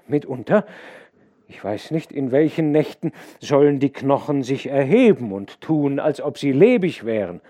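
A man's voice: medium pitch, animated, moderate pace, warm tone, pitched above the performer's own voice, close to an everyday voice. A man voicing a young farm boy who is eager, superstitious and easily spooked, in an audiobook.

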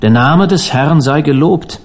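A man's voice: fairly high pitch, a little slow. Man voicing a solemn sailor-preacher. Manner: solemn, commanding. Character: meek sailor turned solemn old preacher.

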